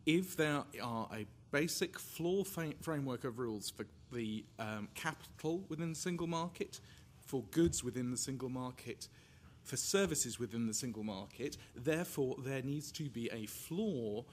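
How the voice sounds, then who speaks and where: Bright-voiced man chairing a panel. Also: mid-range voice, slight background noise. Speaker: panel moderator. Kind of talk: conference panel talk.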